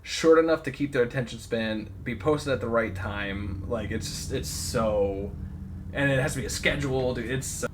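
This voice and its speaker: A man's voice: medium pitch, moderate pace, background noise. A young man co-hosting a podcast, talking loosely in casual chat, swearing freely and laughing often. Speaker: podcast co-host.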